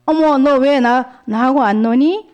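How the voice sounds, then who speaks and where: A boastful little boy taunts in a slow, drawn-out child voice. A woman acts him out in a storybook telling for children. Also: high-pitched, darkish tone, muffled recording, voice pushed up. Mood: taunting. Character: boastful little boy Dori, teasing and smug.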